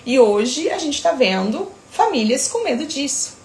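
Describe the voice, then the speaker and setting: Sleep-consultant woman, thirties, firm and emphatic, slightly gravelly, roomy sound. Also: high-pitched, sing-song, darkish tone. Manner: firm, emphatic, talks in quick asides. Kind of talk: casual talk to camera.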